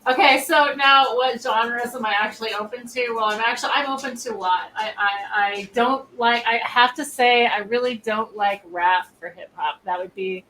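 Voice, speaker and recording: A woman's voice: on the high side, normal speed, hardly any pauses, sharp tone, poor audio. A woman of fifty chatting casually on a livestream, rambling and poking fun at herself. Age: 50s. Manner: rambling, self-mocking storyteller.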